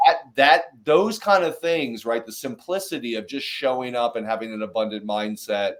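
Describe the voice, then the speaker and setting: An energetic man hosts a casual interview chat, voice sitting at an ordinary middle pitch. He rambles, circles back and restarts his sentences, stacking up fillers as he pushes his point. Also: moderate pace. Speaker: podcast host.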